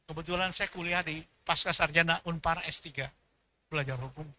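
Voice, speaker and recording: Animated preacher, bright high voice. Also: male voice, brisk. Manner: animated storytelling, mixing in Sundanese dialogue and acting out people in his stories. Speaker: pastor. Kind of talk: sermon.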